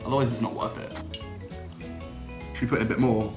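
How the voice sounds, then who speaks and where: A man's voice: medium pitch, steady tone, a little fast, over music. A young man hosting a drinks vlog in casual, upbeat chat, laughing often. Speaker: drinks channel host. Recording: echoey room.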